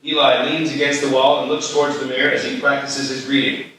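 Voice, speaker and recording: Reading stage directions aloud at a live festival screenplay read, this man speaks fast in a sharp, level, medium-pitched voice. A distant mic picks him up in an echoey room with faint background noise.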